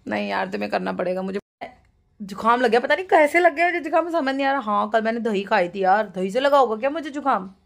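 A woman's voice: on the high side, fast, gravelly, fairly bright tone. Woman, home vlogger, chatty and playful, from Uttarakhand, talks to camera indoors. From Almora, Uttarakhand, India. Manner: chatty and playful, coos in baby talk to her pet. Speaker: vlogger and housewife. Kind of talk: casual home vlog chat.

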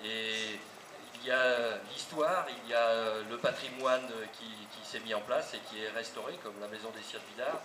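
A man giving a semi-improvised public address as a local official, halting often between phrases. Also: medium pitch, steady tone. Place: open town square outdoors. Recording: distant, echoey, noisy outdoor recording.

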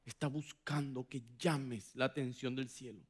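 A man preaching a sermon as pastor, dramatic, acting out quoted voices with big swings from loud to hushed. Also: medium pitch, steady tone, measured pace, husky. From Paraguay. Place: church hall.

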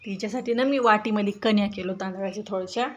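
A woman with a Marathi accent, chatting casually in a home vlog while coaxing and calling her pet bird. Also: fast. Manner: coaxing, calls the bird with high chirpy sounds. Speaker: vlogger.

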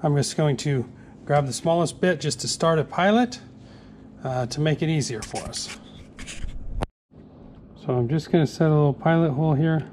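A man's voice: on the high side, moderate pace, long pauses, background noise. Easygoing man narrating a workshop build. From Northeast Florida. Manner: plain, easygoing, narrating each step with many "uh"s. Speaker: fishing tackle maker. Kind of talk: casual how-to workshop demonstration.

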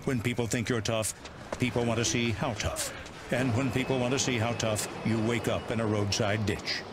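A man voicing a deadpan, cautionary announcer in a scripted TV commercial. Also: mid-range voice, moderate pace, natural voice. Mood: deadpan warning. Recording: noisy commercial soundtrack.

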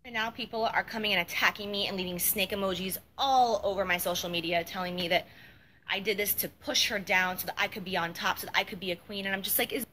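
A woman's voice: mid-range voice, fairly even intonation, fast, pushed and bright, a little hiss or hum. A young woman giving a rambling, emotional apology in a self-recorded vlog outdoors, repeating herself often. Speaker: beauty vlogger. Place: outdoors at night with mosquitoes.

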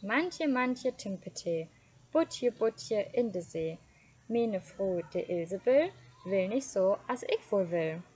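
A woman's voice: mid-range voice, measured pace, slightly rough. A woman chanting as a timid old fisherman. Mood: pleading chant. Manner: loud sing-song chanting of a rhyme. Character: poor timid fisherman calling the sea.

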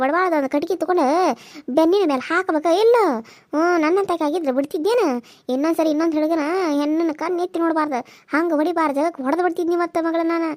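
A blunt, fiery older village aunt from a cartoon serial, as a woman puts her on. She talks fast and forcefully with a North Karnataka Kannada accent and scolds in an indignant tone. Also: very high-pitched, dry recording.

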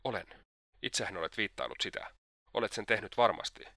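A man reading a fierce young woman in a storybook, deep, bright, accusing. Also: lively intonation, no echo, clean studio sound. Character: furious young woman holding an attacker off.

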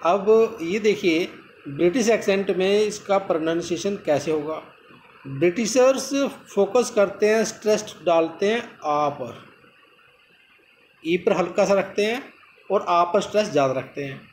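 A man's voice: sits high, measured pace, slight background noise. A man teaching English pronunciation, repeating each practice word several times as he drills it. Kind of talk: pronunciation lesson. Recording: echoey room.

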